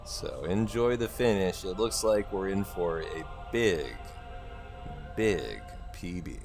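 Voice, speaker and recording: A man with a low voice gives casual speedrunner commentary to his stream chat. He sounds a bit tired and talks in slangy, buddy-like terms about splits and time saves. Loud game music plays behind him. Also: expressive, takes it slowly. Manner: slangy, buddy-like address to viewers. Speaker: speedrunner, livestream host. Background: loud video game music and game dialogue.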